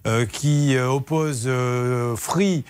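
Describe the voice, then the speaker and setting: A man's voice: mid-range voice, smooth. A man hosting a live radio consumer show, teasing and joking with his guests. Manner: teasing, animated, quick to joke with guests. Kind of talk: live radio studio talk.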